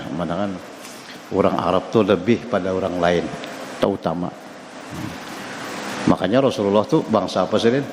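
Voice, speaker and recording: A man's voice: fairly low pitch, a little mellow. Fields: Sex: man. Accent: Banjar. Role: mosque teacher. Style: study-circle lecture. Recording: echoey hall with long reverb, faint noise. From South Kalimantan, Indonesia. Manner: conversational, asks the audience questions and chuckles. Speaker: religious teacher.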